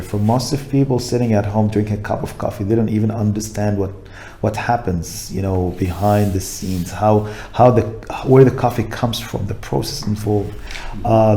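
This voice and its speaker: Lowish and steady, this man's voice has a moderate pace and a dark tone. As a guest in a casual interview, the middle-aged coffee importer from Jordan comes across as thoughtful, uses plenty of fillers and laughs easily.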